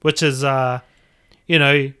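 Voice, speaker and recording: A man's voice: mid-range voice, level tone, takes it slowly, sharp tone, clear, resonant tone. A man from New Zealand with a Māori English accent hosts a casual podcast, speaking in loose, hesitant phrases. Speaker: podcast host.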